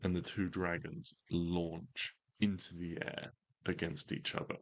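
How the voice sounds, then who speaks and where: Guy running a tabletop game, really low voice, slow dramatic storytelling. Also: flat delivery, vocal fry. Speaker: game master.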